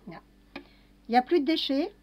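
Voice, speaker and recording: A woman's voice: sits high, very animated, moderate pace. A woman casually talking through a kitchen demonstration, narrating each step with little fillers. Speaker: home cooking vlogger. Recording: dull lo-fi home recording.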